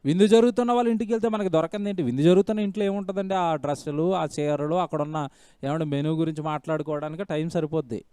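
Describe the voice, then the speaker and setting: Man preaching, high-pitched, smooth resonant voice, dry close sound, emphatic, repeats phrases, rhetorical questions. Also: quick pace, warm tone, no room sound. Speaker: pastor. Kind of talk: sermon.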